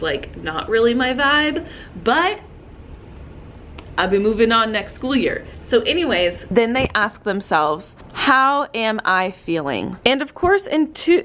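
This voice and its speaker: A woman's voice: medium pitch, fairly bright tone, slight background noise. A young woman teacher talking casually and chattily about her classroom lessons and materials. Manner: chatty, upbeat, with likes and you-knows. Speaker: teacher and podcast host. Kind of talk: casual tutorial talk.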